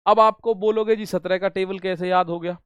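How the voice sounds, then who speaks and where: A man's voice: high voice, fairly even intonation, a little fast, smooth, no room sound, muffled recording. A man teaching an exam-prep maths lesson, repeating each step and coaxing his students along. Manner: repetitive, coaxing, addresses students as brother.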